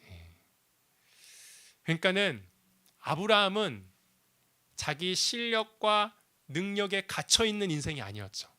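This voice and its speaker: A male pastor delivering a sermon in a high, animated voice that swoops up and down. His tone is bright and forceful, and he keeps asking the congregation questions and pressing his points harder as he goes. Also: clear, resonant tone. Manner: preaching with rising emphasis and direct questions to the congregation.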